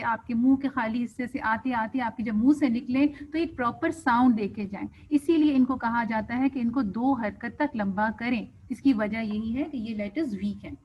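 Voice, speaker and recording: Brief: female tajweed teacher, somewhat high voice, patient, dull lo-fi recording. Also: a little hiss or hum. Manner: patient, demonstrates wrong and right pronunciation. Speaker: Quran recitation teacher. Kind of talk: tajweed lesson, explaining and reciting. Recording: dull lo-fi sound.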